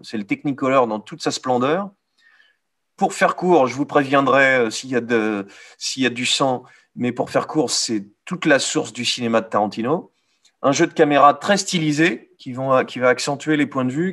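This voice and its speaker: A man with a French accent giving a live art history lecture, pausing often with fillers and correcting himself. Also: mid-range voice, fairly bright tone. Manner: hesitant, many "euh" fillers, self-correcting.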